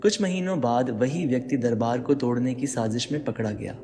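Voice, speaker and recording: A man's voice: mid-range voice, normal speed, warm tone. A man giving dramatic motivational narration, speaking straight to the listener with rhetorical questions. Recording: long reverb with faint background music.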